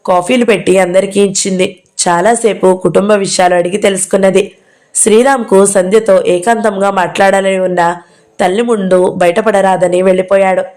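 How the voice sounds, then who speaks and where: A woman's voice: mid-range voice, fairly even intonation, normal speed, darkish tone. Woman reading a novel aloud. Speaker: audiobook narrator.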